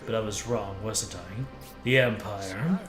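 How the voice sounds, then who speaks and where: A man voicing a remorseful male soldier who speaks quietly and hesitantly, in a game playthrough. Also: lowish voice, a little slow, voice pushed down. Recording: echoey room, faint music.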